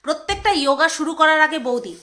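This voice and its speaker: Woman, high ringing voice, snarky casual commentator. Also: lively intonation, quick pace, bright, forceful tone. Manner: mocking, sarcastic, teasing. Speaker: vlogger.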